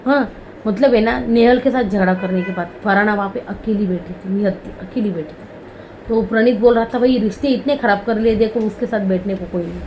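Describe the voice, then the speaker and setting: Casual woman reviewer, mid-pitch, filler-heavy chat, faint hiss behind. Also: a little fast, warm tone, low-quality recording. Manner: chatty, lots of "bhai" and "hmm" fillers. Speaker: reality show reviewer. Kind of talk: casual episode recap.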